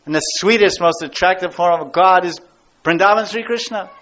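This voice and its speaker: A high-pitched, slightly bright male voice moving at a normal pace. He is a spiritual teacher giving a devotional class, forceful in delivery and prone to repeating important phrases, captured on a dull, lo-fi recording.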